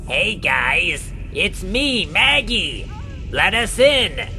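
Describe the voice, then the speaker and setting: A man's voice: high voice, very animated, very slow, bright, forceful tone, a little hiss or hum, full character voice. Goofy chummy voice, man doing it. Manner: jokey, sing-song. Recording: music underneath.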